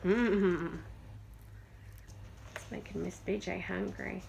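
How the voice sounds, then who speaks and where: A young woman teaching kindergarten phonics, sounding out letters slowly and praising the children. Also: mid-range voice, steady tone, vocal fry, a little mellow, slight background noise. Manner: slow, encouraging, sounds out letters.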